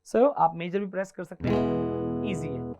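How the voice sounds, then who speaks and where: A male guitar teacher with a high-pitched voice gives a classroom lesson at a measured pace. He counts beats aloud and mixes Hindi with English while a guitar plays faintly behind him.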